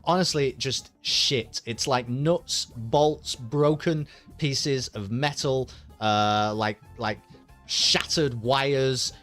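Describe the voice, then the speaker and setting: Guy running a tabletop game, mid pitch, rambly with lots of ums, bit of music behind. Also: slow pace, fairly bright tone. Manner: loose, rambling, with many ums and laughs. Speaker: game master.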